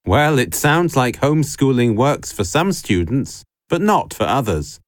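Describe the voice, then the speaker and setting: A man playing a smooth radio host. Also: mid-range voice, sing-song, measured pace, dry recording, studio quality. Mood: friendly. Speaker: radio call-in show host. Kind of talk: scripted educational dialogue.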